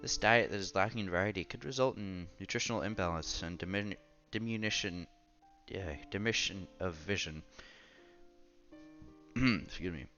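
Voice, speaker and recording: A man hosting a casual let's-play reads a visual novel aloud, stumbling over words and correcting himself. His voice is fairly low, bright and forward, at normal speed, with faint music behind him on a slightly dull mic.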